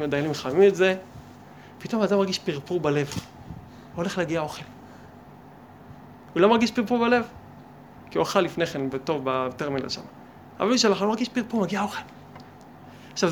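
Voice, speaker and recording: A man, a rabbi, giving a lively Torah lesson, firing rhetorical questions at his listeners and acting out imagined conversations. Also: high-pitched, pauses often, slight background noise. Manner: animated, asks many rhetorical questions and acts out imagined dialogues. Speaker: rabbi teaching a class.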